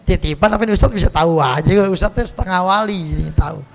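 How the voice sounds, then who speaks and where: A male cleric with a Jakarta Betawi accent gives a relaxed, joking sermon in a mosque, reading Arabic lines and then explaining them in everyday slang. His voice sits high, with a gravelly, creaky edge. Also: fairly quick. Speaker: cleric teaching a mosque study circle. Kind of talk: casual teaching sermon. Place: mosque hall.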